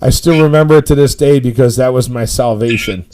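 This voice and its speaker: A man's voice: mid-range voice, brisk, a little mellow. A middle-aged man hosting a powerlifting live stream, telling stories in a rambling, profane, emphatic way. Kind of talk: casual storytelling chat.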